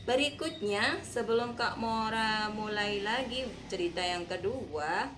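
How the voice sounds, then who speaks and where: A woman hosting a children's radio program, telling stories in an animated, cheerful way and speaking straight to the children at home. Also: medium pitch, unhurried, a little hiss or hum. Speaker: children's radio storyteller and host.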